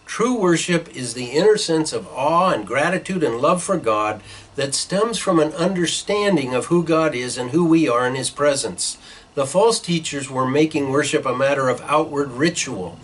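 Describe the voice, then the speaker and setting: Middle-aged male pastor, husky, somewhat high voice, earnest sermon from a desk webcam. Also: animated, moderate pace, fairly bright tone, rough recording. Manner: earnest teaching tone with frequent uh fillers, gesturing with hands. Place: small church office with bookshelves, indoors.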